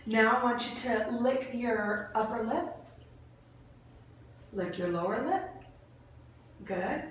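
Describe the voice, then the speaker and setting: A woman's voice: a little high, expressive, takes it slowly. Encouraging lady clinician giving exam instructions, really echoey, far from mic, bit of noise. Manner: encouraging, frequent short praise. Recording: very echoey room, distant mic, faint noise.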